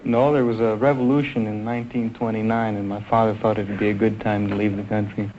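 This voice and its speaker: A man's voice: lowish voice, level tone, fast, a little mellow. A man from El Salvador giving brief, polite answers to a quiz host. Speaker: quiz show contestant. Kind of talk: answering questions. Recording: dull old broadcast with faint hiss.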